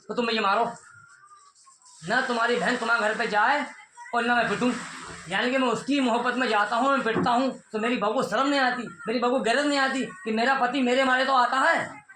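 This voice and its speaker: A man's voice: high voice, bright, forceful tone, reverberant, a little hiss or hum. A man telling his side of a family dispute, heated and pleading, repeating his points. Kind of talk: emotional personal account.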